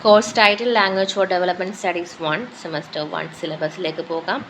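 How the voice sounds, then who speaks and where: Reading very slowly in a fairly low voice, a teacher with a Malayali accent lists the topics of a course syllabus in short phrases that alternate between English and Malayalam. The rough recording carries a slight hiss or hum.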